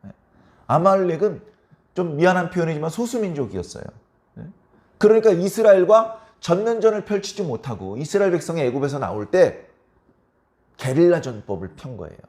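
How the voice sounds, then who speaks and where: A pastor preaching a midweek sermon, prompting the congregation for a response. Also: male voice, fairly high pitch, very animated, fairly quick, darkish tone. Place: church service.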